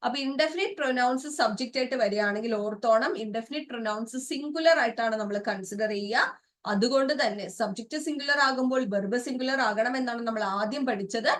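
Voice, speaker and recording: A woman's voice: on the high side, fairly quick, distant mic. A woman with a Malayali accent teaching an English grammar lesson for exam prep, explaining step by step and asking checking questions.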